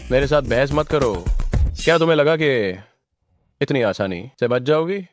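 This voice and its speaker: A man's voice: a little high, lively intonation, normal speed, soft background music, natural voice. A man dubbing a menacing debt-collecting thug. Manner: threatening, contemptuous. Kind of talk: Hindi drama dub.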